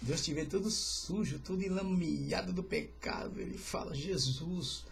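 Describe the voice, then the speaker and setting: A man's voice: sits high, unhurried, vocal fry, slight background noise. A man, a pastor, teaching an informal livestreamed Bible study in a chatty way, with joking asides and greetings to viewers.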